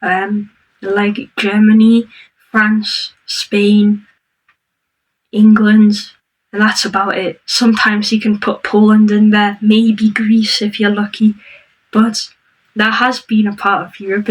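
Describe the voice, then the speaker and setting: Woman host reacting to a clip, flat and hesitant with many ums, slow careful explaining, mic set back a little. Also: medium pitch, far from the mic, rough recording. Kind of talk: commenting on a played clip.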